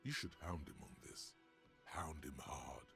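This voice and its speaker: Gravelly, sardonic inner-voice game narrator. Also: male voice, extremely low pitch, lively intonation, measured pace, music in the background, full character voice. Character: deep gravelly narrator, a detective's blunt inner voice.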